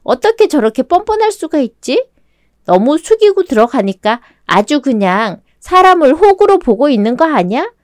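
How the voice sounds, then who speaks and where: A loyal, outspoken young woman friend, voiced by a woman in a radio drama, her voice lively and swinging up high when she gets indignant. The sound is dry and close to the mic. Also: moderate pace, no echo. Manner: indignant, emphatic. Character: sympathetic outspoken female friend in her thirties.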